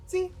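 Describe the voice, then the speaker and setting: Slow-talking woman streaming a game. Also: darkish tone. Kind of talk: casual livestream gaming commentary, reading dialogue aloud.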